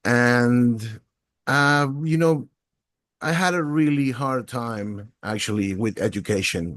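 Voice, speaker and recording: A Venezuelan man in his forties speaks English as a podcast guest, answering interview questions about his work as an education technologist. His mid-range voice comes across thoughtful and fluent as he tells his story, and the recording is dry.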